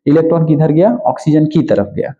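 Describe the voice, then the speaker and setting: A man teaching a chemistry lecture. He asks questions and answers them himself, repeats key terms, and drags key words out slowly. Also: fairly high pitch, dark tone, muffled recording. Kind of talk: exam-prep lecture.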